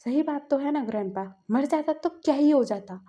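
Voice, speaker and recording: A woman's voice: a little high, lively intonation, normal speed, mellow, muffled recording. A woman voicing a rude, stubborn young man who snaps at his family. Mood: angry. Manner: curt, angry.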